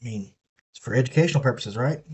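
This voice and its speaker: Husky Southern man streaming a build. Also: medium pitch, fast, darkish tone. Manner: chatty, swears freely while soldering. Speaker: streamer building an electronics kit. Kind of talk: casual live-stream chat.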